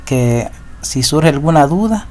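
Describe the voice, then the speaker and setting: A man with a Central American Spanish accent teaches a recorded lesson at a measured pace, his slightly high, a little mellow voice sounding animated. He is patient, repeating rules and checking in often with ¿verdad?.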